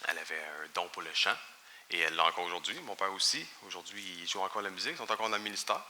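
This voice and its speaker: In a church sanctuary, a Quebec man in his thirties gives a chatty, informal personal testimony to the congregation, sprinkled with light humor and marked by a Quebec French accent. His low, sharp voice comes rapid-fire, trailing a long reverb over slight background noise.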